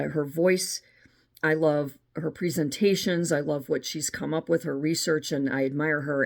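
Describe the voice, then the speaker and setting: A woman's voice: sits low, darkish tone. A middle-aged American woman hosting her own channel, talking in a chatty, opinionated monologue with frequent restarts. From United States. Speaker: channel host. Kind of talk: casual monologue.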